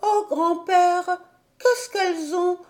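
Une femme jouant une petite fille curieuse et enjouée. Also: female voice, high-pitched, slow pace, dark tone, voice pushed up. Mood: eager, curious. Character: eager, curious little mountain girl.

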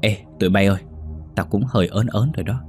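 A young man brushes things off in a quick, offhand voice that sits low, voiced by a man narrating a storybook. Faint music plays underneath. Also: a little mellow, lightly acted. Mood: nervous. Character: young man, dismissive then nervous.

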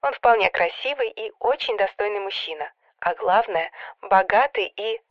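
A woman reading an audiobook voices the heroine's anxious sister, soft, coaxing and a little whiny. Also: medium pitch, moderate pace, no room sound, lo-fi sound, natural voice. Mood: pleading. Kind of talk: audiobook character voice.

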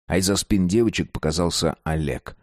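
A man reading a dark story aloud, slow and deliberate. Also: sits low, no echo, clean studio sound. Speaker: narrator. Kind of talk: scripted narration of a dark story.

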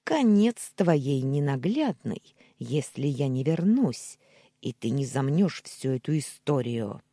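A woman's voice: low voice, big pitch swings, a little slow, mellow, no echo, clean studio sound, exaggerated voice. A woman voicing a scheming, hysterical middle-aged uncle who shrieks and splutters in a storybook reading. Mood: gloating.

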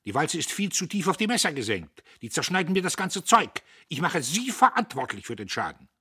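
A man puts on a pompous young factory owner who scolds and screams in a storybook. The voice climbs high and swings wildly, husky and sharp. Close and dry, with no room around it. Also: big pitch swings, brisk, no echo, exaggerated voice. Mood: shouting, bullying. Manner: shouting, scolding, strident. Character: young bullying pompous factory boss, hot-tempered man.

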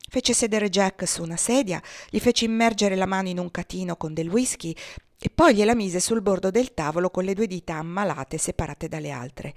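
A woman's voice: mid-range voice, a little mellow, no echo, studio quality. A woman narrating a novel as an audiobook, reading expressively and dramatically. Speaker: audiobook reader.

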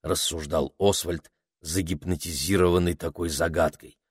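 A man's voice: low voice, steady tone, normal speed, breathy edge, no echo, clean studio sound. A man reading a children's story aloud as the narrator of an audiobook.

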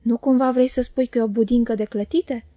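A woman's voice: a little high, steady tone, warm tone, no echo, natural voice. A woman reading an audiobook and voicing a chatty, coaxing, greedy male inn waiter. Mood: jovial.

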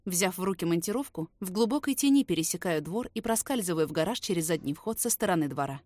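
A woman's voice: on the low side, lively intonation, fast, a little mellow, dry recording. Woman reading a story aloud. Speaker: audiobook reader. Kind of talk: first-person scripted narration.

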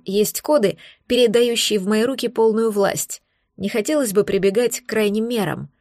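A woman reading a first-person sci-fi audiobook in a steady, expressive way. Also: on the high side, no echo, studio quality. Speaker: audiobook narrator. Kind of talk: first-person scripted narration.

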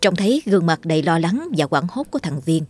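A woman narrating a horror story in a steady, dramatic way. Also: fairly low pitch, fast talker, husky. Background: faint music.

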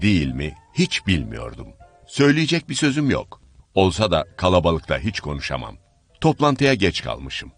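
A man reading a humorous story aloud as an audiobook narrator, expressive and lively. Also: low voice, no room sound.

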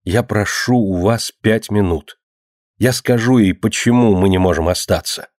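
A man's voice: fairly low pitch, normal speed, a little mellow, no echo, clean studio sound, natural voice. A man voicing an anxious, loving mother who talks nervously and pleads.

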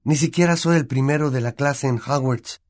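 A man's voice: mid-range voice, normal speed, a little mellow, pitched above the performer's own voice, lightly acted. A man with a Latin American Spanish accent voicing an earnest, worried young schoolboy wizard in an audiobook. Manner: eager, anxious questioning. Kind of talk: audiobook character voice.

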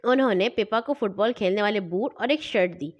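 A woman reading a children's story aloud in an expressive, lively way. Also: medium pitch, muffled recording.

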